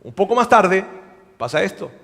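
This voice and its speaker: A male pastor preaching a sermon, telling the story in an animated way and acting out the dialogue. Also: high-pitched, normal speed, creaky. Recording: long hall reverb.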